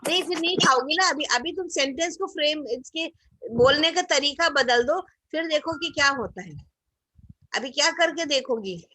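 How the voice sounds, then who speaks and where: A woman's voice: high-pitched, moderate pace, bright, forceful tone, a little hiss or hum. A woman leading an online group class over a video call, explaining with everyday examples and putting questions to her group. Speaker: teacher leading a group session. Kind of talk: interactive online class talk.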